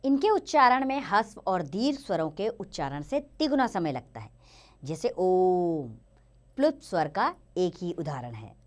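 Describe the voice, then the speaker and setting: A woman gives a grammar lesson for children in a lively, up-and-down voice. She explains patiently and draws out each example word slowly and clearly. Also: mid-range voice. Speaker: teacher.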